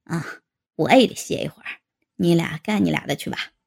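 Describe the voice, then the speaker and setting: A woman voicing a teasing young man in a read-aloud story, her voice dropped low and gravelly. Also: moderate pace, heavily acted. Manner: joking, mocking.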